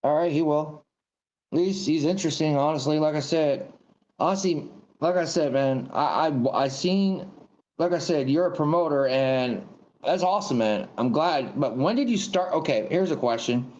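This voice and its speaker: A man's voice: a little high, normal speed, a little mellow, highs cut off. A man in his thirties hosting a casual podcast interview, rambling and repeating himself. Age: 30s. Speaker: podcast host.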